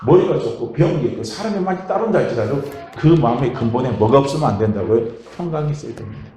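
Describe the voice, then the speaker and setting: A man preaching a Sunday sermon as a church pastor, swinging between quiet emphasis and loud, fervent outbursts. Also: mid-range voice, animated, fast, soft background music. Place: church sanctuary. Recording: echoey church hall.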